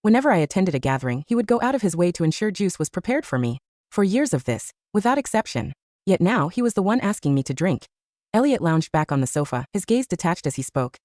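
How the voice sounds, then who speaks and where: A woman narrating a first-person romance audiobook story in an expressive storytelling manner. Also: fairly low pitch, fast, no room sound, studio quality.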